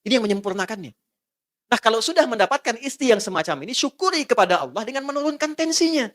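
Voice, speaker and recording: A middle-aged man preaching a relaxed sermon with jokes and acted dialogue. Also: extremely high pitch, quick pace. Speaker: Islamic preacher.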